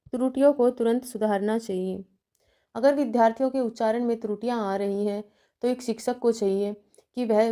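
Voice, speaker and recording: A teacher educator with a fairly high, warm voice gives a teacher-training lecture, working through numbered points with examples and checking in between them.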